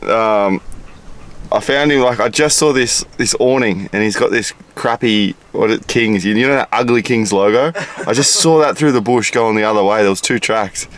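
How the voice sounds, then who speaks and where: A man's voice: lowish voice, normal speed, a little hiss or hum. An Australian man casually telling camping stories outdoors, laughing often and swearing freely. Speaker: vlogger. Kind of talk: casual chat. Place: outdoors at a campsite.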